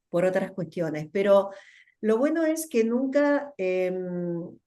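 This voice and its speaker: A middle-aged woman with a Rioplatense Spanish accent, a guest telling her story in a thoughtful interview, often pausing and repeating words as she searches for them. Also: fairly low pitch, a little mellow. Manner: thoughtful, with many fillers and repetitions. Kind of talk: reflective conversational interview.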